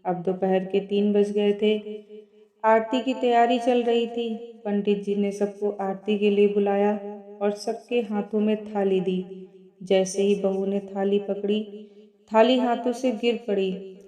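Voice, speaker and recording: A woman narrating a scripted moral story in a slow, even manner. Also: medium pitch, echoey room.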